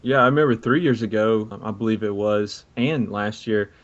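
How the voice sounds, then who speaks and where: A man's voice: on the low side, moderate pace. A man co-hosting a sports podcast, talking football casually in a rambling way. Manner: rambling, many fillers and restarts. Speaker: podcast co-host. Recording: dull lo-fi mic audio.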